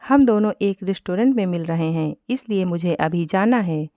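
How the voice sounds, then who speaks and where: A woman's voice: on the low side, moderate pace, warm tone, no echo, studio quality, natural voice. A woman voicing a young man in a Hindi storybook reading, firm and slightly irritated. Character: young man, polite, annoyed groom-to-be.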